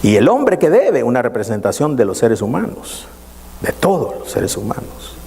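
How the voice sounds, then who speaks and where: Man preaching, lively rising and falling pitch, gravelly edge, long church reverb. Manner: preaching with many pauses and repeated "hermano". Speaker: pastor. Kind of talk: sermon.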